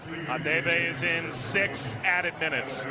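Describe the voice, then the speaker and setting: High-voiced man calling live soccer. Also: slow pace. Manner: clipped phrases, calling players' names. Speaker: play-by-play commentator. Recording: loud stadium noise behind commentary. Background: noisy stadium ambience.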